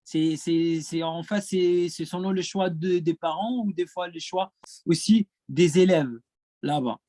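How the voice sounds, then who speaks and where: A man from Gaza, Palestine, whose first language is Arabic, answers conference questions in Arabic-accented French as a French teacher. His voice is on the high side, unhurried and dark in tone, with no room sound, and he hesitates often, repeating words.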